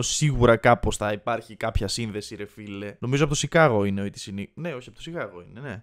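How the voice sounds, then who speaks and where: A man hosting a podcast and reacting to a rap album in casual commentary. He gets excited, uses slang and swears freely, and thinks out loud as he goes. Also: mid-range voice, clean tone.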